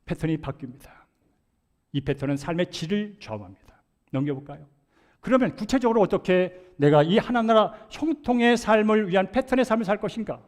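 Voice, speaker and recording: A male pastor preaching a sermon, emphatic and repetitive, swinging between loud and soft delivery. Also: high voice, animated, a little fast.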